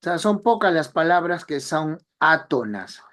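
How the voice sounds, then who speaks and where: A man's voice: a little high, sing-song, a little slow, a bit bright, a little hiss or hum. A man teaching an online language class, explaining step by step and repeating key phrases.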